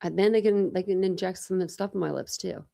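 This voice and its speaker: Speaking at a medium pitch with fairly even intonation, she goes a little fast, with vocal fry and a mellow quality. She's a young woman with a slight lisp who hosts a true crime livestream, rambling chattily and responding to viewers' chat comments.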